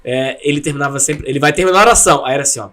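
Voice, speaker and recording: A man's voice: mid-range voice, very fast, bright, forceful tone. A man from Brazil co-hosting an online class, chatting and recalling stories. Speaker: pastor co-host.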